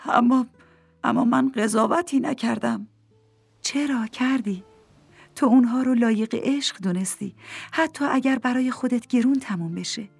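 A woman playing a calm, wise questioner. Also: fairly high pitch, gravelly, breathy edge, no room sound, faint music behind, pitched above the performer's own voice. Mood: tender. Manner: gentle, probing, soft-spoken. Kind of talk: audiobook character voice.

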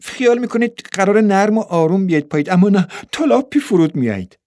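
A man's voice: sits high, lively intonation, mellow, voice pushed up. A man voicing an eager young girl in a storybook reading.

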